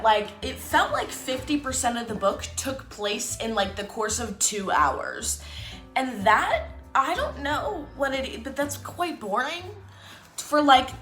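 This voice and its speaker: A woman's voice: fairly high pitch, pushed and bright, echoey room. Rambling young woman ranting about books. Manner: rambling, sarcastic, many fillers. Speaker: book vlogger. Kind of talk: casual book rant.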